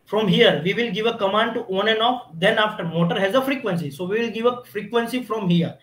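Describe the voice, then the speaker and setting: A man's voice: high voice, a little fast, a bit bright, slight background noise. A man teaching a technical lab demonstration, explaining step by step with frequent restarts and repeated "you can see". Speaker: instructor. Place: automation lab with equipment. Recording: echoey room.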